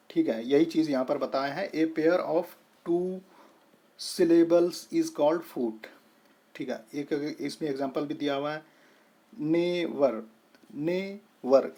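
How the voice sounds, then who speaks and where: A man teaches a lesson in an unhurried, explaining way. His voice sits a little high but sounds warm and dark. He spells words out piece by piece and keeps pausing to check that his listeners follow. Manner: repeats "thik hai" to check understanding; spells out and splits words slowly. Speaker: English tutor.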